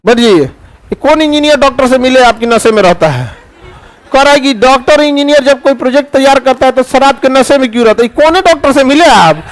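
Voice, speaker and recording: A man's voice: very high-pitched, expressive, a little fast. A man teaching chemistry to a class, joking and acting out little scenes as he lectures.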